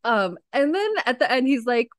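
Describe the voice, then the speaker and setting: Young woman co-host, giggly casual chatter, very animated pitch. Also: normal speed, no room sound. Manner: giggly, teasing, lots of fillers. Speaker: podcast co-host. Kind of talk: casual chat.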